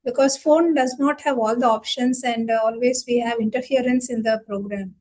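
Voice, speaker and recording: A woman organizes an online conference. Her voice sits a little high, and she talks in an instructive, admonishing way to those on the call. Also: fairly even intonation, moderate pace, warm tone.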